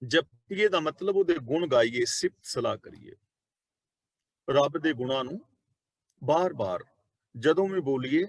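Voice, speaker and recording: A man's voice: a little high, no room sound. Earnest Punjabi man explaining scripture. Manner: repeats and explains each verse, slows down on quoted lines. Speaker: Sikh scripture teacher. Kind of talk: line-by-line scripture commentary.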